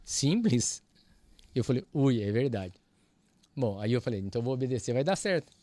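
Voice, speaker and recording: A man shares a church testimony in a lively, conversational way. He plays out both sides of the conversations as he tells the story. His voice sits in a middle pitch and sounds dry and close. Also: fairly quick, no echo. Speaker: guest, church audio ministry leader.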